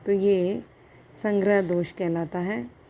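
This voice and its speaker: A woman's voice: mid-range voice, slow pace, vocal fry, warm tone, a little hiss or hum. A woman philosophy lecturer giving a recorded college lecture, explaining step by step with examples and checking in with her students.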